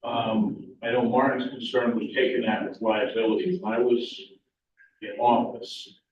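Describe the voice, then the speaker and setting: Low-voiced man at public comment, matter-of-fact, heavy hall echo from far off the mic. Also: steady tone, unhurried, darkish tone. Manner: matter-of-fact, explaining with filler ums. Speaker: former town official speaking at public forum. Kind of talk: public comment at a town meeting. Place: town meeting room. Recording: echoey, distant, dull hall recording.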